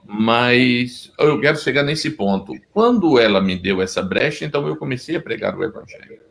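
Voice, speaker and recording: A man's voice: medium pitch, animated, normal speed, vocal fry, a bit bright, poor audio. A middle-aged Brazilian man with a Pernambuco accent, a pastor telling his story earnestly in an interview, often restarting his sentences. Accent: Pernambuco Brazilian Portuguese. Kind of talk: testimony interview.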